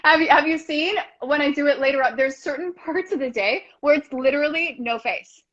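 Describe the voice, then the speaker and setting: A woman in her thirties, a guest on a casual video call, effusive and gushing, talking in quick rushes. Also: high-pitched, a bit bright, lo-fi sound. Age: 30s.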